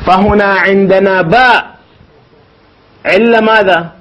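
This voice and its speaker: A man's voice: high-pitched, fairly even intonation, slow pace, fairly bright tone, a little hiss or hum. A man teaching a formal lecture, explaining step by step, putting questions to his listeners and correcting himself as he goes. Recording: dull lo-fi recording.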